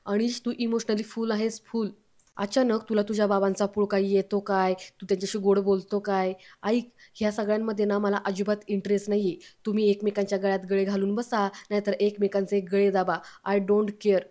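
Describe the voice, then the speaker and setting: A woman reading the lines of a sharp-tongued young woman, delivered in a mellow, flat narrating voice. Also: mid-range voice, fairly quick, lightly acted. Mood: scornful.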